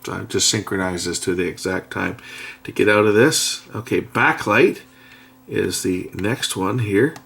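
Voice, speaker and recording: Sitting at an indoor workbench, a middle-aged reviewer casually demos a product hands-on. His voice is on the low side, creaky and fairly bright, and he works through the menus unhurriedly, pressing buttons while thinking out loud.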